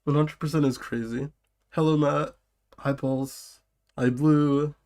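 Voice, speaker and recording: A man's voice: fairly high pitch, fairly even intonation, slow pace, a little mellow. A man sick with a cold chatting casually on a live stream, greeting viewers and breaking off to laugh and cough. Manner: laughs and coughs between phrases; chats loosely with viewers.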